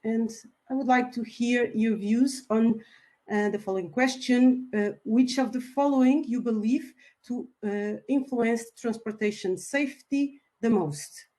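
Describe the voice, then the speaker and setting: A woman's voice: on the high side, measured pace, dark tone. A woman from Portugal giving a webinar presentation over a video call, polite and a little hesitant, with some fillers. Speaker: webinar speaker, company founder.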